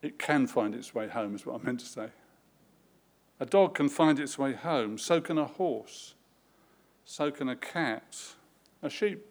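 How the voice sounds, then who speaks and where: Preacher telling lively stories. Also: male voice, mid-range voice. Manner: lively, dramatic storytelling with vivid repetition. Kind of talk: sermon with storytelling.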